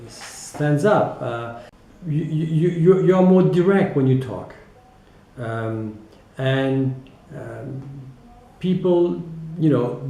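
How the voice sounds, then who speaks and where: A French-accented man with a warm, medium-pitched voice answers interview questions as a teacher, reflecting and explaining things. He hesitates a lot and regularly checks in with a short tag, recorded in an echoey, roomy setting.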